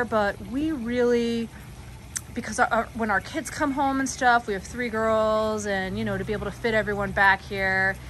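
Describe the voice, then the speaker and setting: A middle-aged American woman who writes a garden blog gives an eager, casual walking tour of her backyard, captured outdoors on a phone with slight background noise. Her voice is a little high, bright and forceful. She's chatty throughout, using lots of fillers and small laughs.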